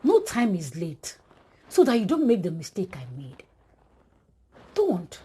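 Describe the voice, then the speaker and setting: A woman's voice: mid-range voice, wildly swooping pitch, measured pace, mellow, breathy edge. A woman preaching an exhortation, speaking straight to her listeners with emphatic repetition.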